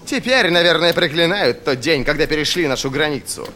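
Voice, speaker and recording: A man's voice: a little high, lively intonation, fairly quick, pushed and bright, a little hiss or hum, pitched above the performer's own voice. A man voicing a jovial, eager-to-please general in an audiobook, hearty and boastful. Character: jovial, fawning male general.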